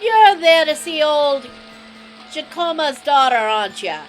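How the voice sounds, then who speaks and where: A woman doing a brash, teasing New Jersey mob guy, pitched up high with a lively, bouncing delivery. He drawls with swagger. A faint bed of music sits underneath. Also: unhurried, low-quality recording. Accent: put-on New Jersey. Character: sleazy swaggering male mobster, middle-aged. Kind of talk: voicing game dialogue on a live stream.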